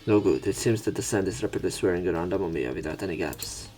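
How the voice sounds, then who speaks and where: Over game footage with faint music behind him, a man does a let's play of a visual novel. He reads it aloud as dramatic narration and mixes in casual commentary. His voice is low and warm, with lively intonation and a quick pace.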